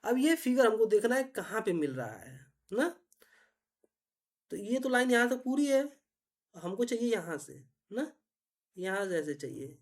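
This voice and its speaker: A woman teacher, patiently explaining reasoning puzzles step by step and often asking if it is clear. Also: fairly high pitch, sing-song, a little slow, long pauses. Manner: patient, repetitive, checks understanding often.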